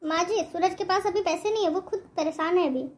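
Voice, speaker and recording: A woman's voice: extremely high pitch, fairly quick. A woman voicing a rude, lazy young daughter-in-law in a cartoon story, snapping dismissively. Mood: snappy.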